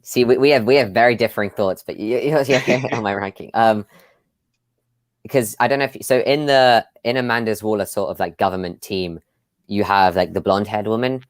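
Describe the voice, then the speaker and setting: A man's voice: on the low side, brisk, no echo. A man hosting a casual live discussion over a video call, chatty, with many fillers and frequent laughs. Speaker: host.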